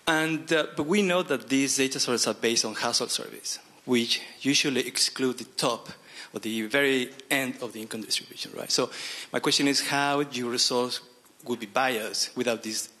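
A man's voice: medium pitch, moderate pace, sharp tone. A man asking a panel two questions at a conference, checking in with tag questions. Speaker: audience member asking a question.

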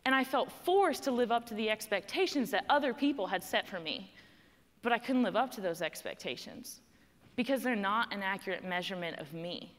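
A young woman with a clear Texas accent, serving as a student panel speaker, tells a rehearsed personal story from a stage in a large hall. She is expressive and a little fast, with a mid-range, fairly bright voice, keeping things conversational while punching the key words. Her voice rings with long hall reverb.

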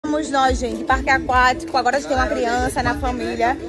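A young woman, chatting excitedly to viewers as she films a hotel tour on her phone. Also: high voice, quick pace, over a noisy crowd. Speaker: vlogger. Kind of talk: casual vlog tour.

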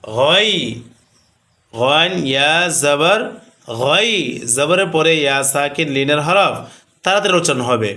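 Man, recitation teacher, unhurried, chanted examples, quizzes himself. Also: fairly high pitch, sharp tone. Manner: slow sung recitation alternating with rapid rule explanations; asks questions and answers them himself. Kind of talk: tajweed lesson with drawn-out chanted examples.

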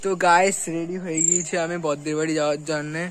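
A man's voice: fairly high pitch, fairly even intonation, fast talker, over music. A man chatting casually to camera in a vlog, rambling with lots of fillers. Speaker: vlogger. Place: outdoors and indoors, on the move.

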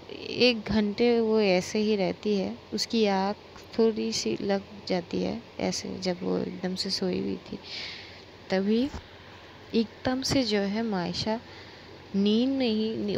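A woman's voice: medium pitch, steady tone, slow pace, gravelly, darkish tone, slight background noise, rough recording. A woman narrating a serialized romance story in a chatty, casual way with lots of fillers. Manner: chatty, filler-heavy retelling.

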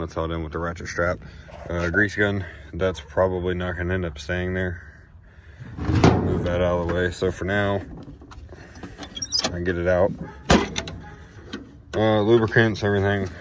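Deep-voiced man on a noisy phone recording. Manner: rambling, listing items with many "uh"s. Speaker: farm vlogger showing his truck. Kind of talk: casual walkaround tour. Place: outdoors by a pickup truck, phone camera in hand. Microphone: handheld phone camera. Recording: noisy outdoor phone audio.

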